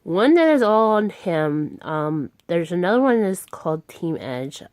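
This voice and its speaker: A woman's voice: lowish voice, sing-song, a little slow, a little mellow, no echo. A young woman chatting casually to her viewers, recorded as a phone video, rambling with many ums and stunned exclamations. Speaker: vlogger. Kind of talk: casual vlog chat.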